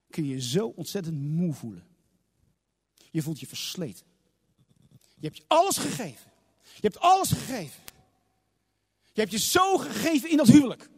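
A man preaching a sermon with passion, repeating phrases for emphasis. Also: very high-pitched. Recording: long reverb of a large hall.

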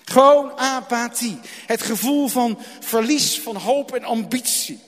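Very high-voiced man preaching in a hall. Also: a little slow. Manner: dramatic, repeats phrases, swings between loud and hushed. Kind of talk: sermon. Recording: long hall reverb.

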